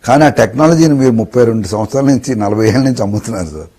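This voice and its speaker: A man's voice: medium pitch, lively intonation, racing, warm tone, husky. A man interviewing in a deferential, agreeable manner, often answering with a respectful sir. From India. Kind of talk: casual chat.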